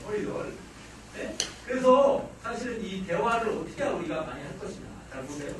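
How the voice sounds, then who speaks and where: A man in his forties giving a lively parenting lecture to an audience, acting out family dialogue and joking with the room. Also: high-pitched, brisk. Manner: animated, acts out family dialogue, jokes with the audience. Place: lecture hall. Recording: echoey hall, distant mic, noisy.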